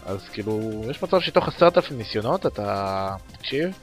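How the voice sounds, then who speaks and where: A man's voice: fairly low pitch, big pitch swings, soft background music. A man co-hosting a casual gaming podcast who teases and jokes in banter. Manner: teasing, joking banter. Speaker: podcast co-host.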